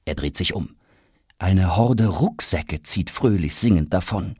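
A man narrating a children's audiobook in a lively, expressive way. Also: low-pitched, unhurried, breathy edge, no room sound, clean studio sound.

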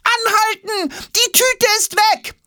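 A man voicing an eager young boy in a children's audiobook, talking in a lively way. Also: a little high, a little slow, husky, no echo, studio quality, pitched above the performer's own voice, exaggerated voice. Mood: panicked. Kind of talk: audiobook role.

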